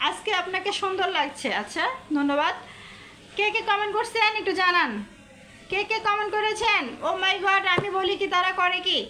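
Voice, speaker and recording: A woman's voice: very high-pitched, moderate pace, pushed and bright. A woman from Bangladesh, hosting a casual live stream, chatty and repetitive as she teases her viewers. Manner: chatty, repeats herself, teasing viewers.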